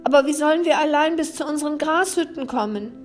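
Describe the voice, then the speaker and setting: Brief: lame and blind animal friends, worried and pleading, as a woman reads them, high pitch. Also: fast, faint music behind, lightly acted. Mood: grateful worried. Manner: anxious, pleading.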